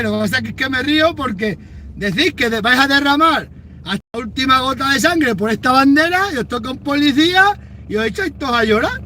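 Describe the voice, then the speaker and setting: A man's voice: extremely high pitch, pushed and bright, a little hiss or hum. A man, a cattle farmer rambling on a live stream as he herds his cows, blunt and full of curses. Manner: blunt, swearing, mocking, rough rural talk. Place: outdoors on a farm with cattle.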